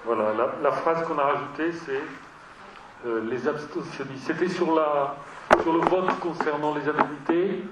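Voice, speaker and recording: Man chairing a council meeting, hesitant and halting, echoey room, far from the mic, dull sound. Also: a little high, a bit bright, slight background noise. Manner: hesitant, many fillers and restarts.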